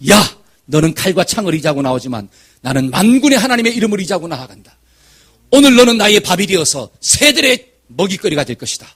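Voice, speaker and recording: A man's voice: high voice, very animated, fairly quick, fairly bright tone, husky, exaggerated voice. A man voicing a bold, fearless young shepherd who declares he will fight. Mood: defiant. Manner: declaring boldly.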